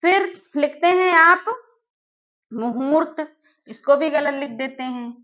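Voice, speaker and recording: A woman teaching an exam-prep spelling lesson, who asks her class questions and then answers them herself, repeating each word slowly. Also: high voice, sharp tone, highs cut off. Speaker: Hindi teacher.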